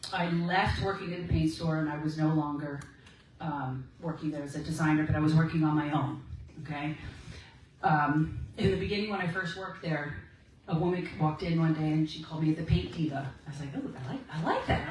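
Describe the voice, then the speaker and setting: A woman's voice: on the low side, far from the mic, slight background noise. Chatty woman telling her story, echoey room. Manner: chatty storytelling, acting out quoted exchanges. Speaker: speaker at a women's ministry meeting. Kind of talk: personal testimony talk. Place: meeting room.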